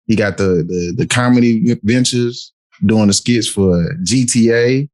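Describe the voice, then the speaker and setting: A man's voice: lowish voice, measured pace, a little mellow, no room sound. A man hosting a casual podcast, easygoing and often repeating "for real, for real.". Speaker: podcast host.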